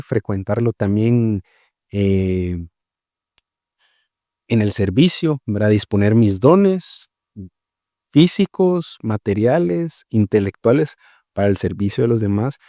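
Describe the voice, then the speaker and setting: A missionary from Guatemala, speaking in a warm mid-range voice, is interviewed in a clean studio recording with no echo. He talks about his work conversationally and reflectively, explaining slowly, using many fillers and checking in with "¿verdad?"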